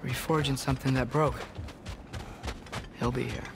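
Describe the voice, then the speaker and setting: A man's voice: medium pitch, fairly even intonation, normal speed, creaky, noisy background, natural voice. An actor playing an earnest, guilt-ridden teenage boy, a warrior's son, in a video game. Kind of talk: video game drama acting.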